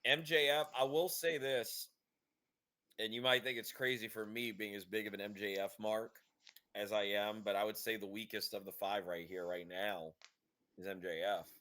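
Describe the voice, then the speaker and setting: Man, co-host, lowish voice, rambling casual opinions. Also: fairly even intonation, moderate pace, bright, forceful tone. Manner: rambling, many fillers and restarts. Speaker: podcast co-host. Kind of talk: casual chat.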